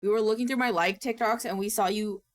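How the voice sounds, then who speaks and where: Her voice medium-pitched and steady, this woman talks fast while casually chatting on a livestream, swearing freely in playful exasperation. Strain has left her voice a little worn out and nearly gone.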